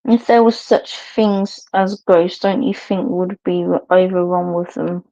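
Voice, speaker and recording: A woman's voice: on the low side, fairly even intonation, unhurried, warm tone. A middle-aged woman, chatting casually to viewers as a livestream host, rambling and laughing often. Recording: dull lo-fi stream audio.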